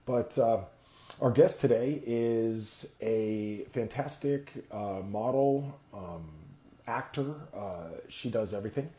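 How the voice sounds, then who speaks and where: A man's voice: medium pitch, takes it slowly, mellow, roomy sound. Rambling Californian man hosting a livestream. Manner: rambling, stalling for time with many fillers. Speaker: host. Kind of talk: casual livestream chat. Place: indoor room, seated on a sliding chair.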